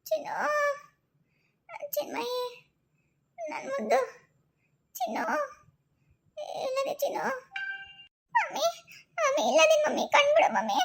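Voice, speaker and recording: A woman voicing a tearful young mother in a cartoon, speaking with a North Karnataka accent in an emotional, sobbing way. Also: very high voice. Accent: North Karnataka Kannada. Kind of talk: cartoon voice acting.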